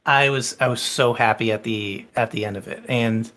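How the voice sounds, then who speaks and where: Excitable rambling podcast co-host, male. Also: mid-range voice, normal speed. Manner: rambling, excited, swears freely. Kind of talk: casual chat.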